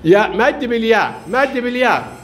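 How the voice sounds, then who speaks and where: Man teacher with a really high voice, quizzing little kids in class, quick and encouraging, faint hiss behind. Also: animated, a bit bright. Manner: brisk, encouraging, calls pupils by name. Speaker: primary school teacher. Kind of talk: classroom quiz with young pupils.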